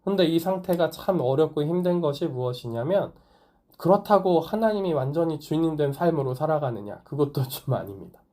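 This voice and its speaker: A male pastor gives a sermon in a relaxed, conversational way. He often puts questions to his congregation. His voice sits a little high and sounds warm and mellow. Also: brisk. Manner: conversational preaching, asks the congregation questions, light laughs. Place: small church or online worship service.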